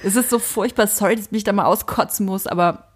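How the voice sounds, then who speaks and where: A woman's voice: mid-range voice, fast, husky. A woman and mother telling stories in a casual podcast chat, candid and a bit crude. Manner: candid, crude, rambling storyteller. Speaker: podcast co-host.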